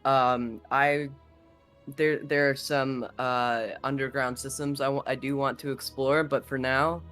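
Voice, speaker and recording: A man's voice: mid-range voice, steady tone, measured pace, a bit bright, clear, resonant tone, soft background music. A man playing a tabletop role-playing game, reasoning casually and cautiously in character.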